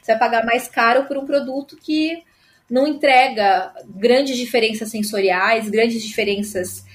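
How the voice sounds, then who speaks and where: A sommelier guest with a Brazilian Portuguese accent speaks in a slightly high voice at a moderate pace. She explains things at length in a casual chat, full of filler tags and restarts.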